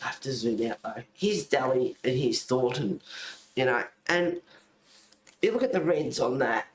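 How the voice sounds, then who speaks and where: Here the Australian livestream host sounds mid-range and animated, talking a bit slowly. His casual chat wanders and he's easily distracted along the way. There's a roomy echo with faint noise in the background.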